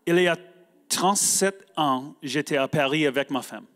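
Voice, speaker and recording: American guy reading a speech in french, strong foreign accent, english native, bit high voice, halting. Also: a bit bright. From United States. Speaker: guest speaker. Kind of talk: prepared speech read aloud.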